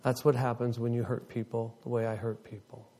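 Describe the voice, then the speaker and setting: A man in his fifties giving an emotional testimony to his congregation as its ministry leader. He tells the story with great animation, and his voice surges high whenever he gets excited. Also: a little fast. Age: 50s.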